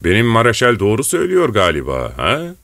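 A man's voice: on the low side, huge pitch swings, brisk, a bit bright, dry recording, heavily acted. A man reading an audiobook and voicing a grand male rebel leader who jokes and gives orders. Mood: teasing. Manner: joking, commanding.

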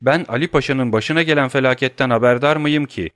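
A man's voice: medium pitch, fairly quick, fairly bright tone, no echo, clean studio sound, pitched above the performer's own voice, close to an everyday voice. A man reading an audiobook who voices a middle-aged banker who is frightened but indignant, protesting in a defensive, agitated way.

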